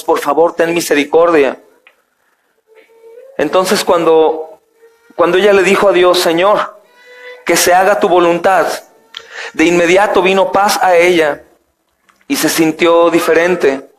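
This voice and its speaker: A man's voice: on the high side, slight background noise. A male pastor preaching a sermon, telling a story and reading scripture to his congregation. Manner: addresses congregation as brothers, storytelling.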